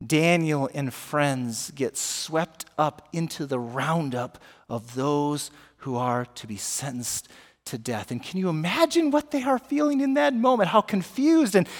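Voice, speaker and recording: High-voiced pastor preaching in a hall. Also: male voice, measured pace. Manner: animated, asks the congregation questions. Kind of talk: sermon. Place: church sanctuary.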